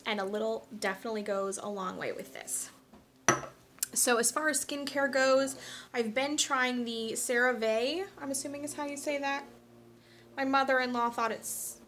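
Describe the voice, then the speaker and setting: Young woman vlogger, talkative and candid, slightly high voice, relaxed product rundown. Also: slight background noise. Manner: chatty, frank, many ums and asides. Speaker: beauty vlogger. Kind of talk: casual product review chat.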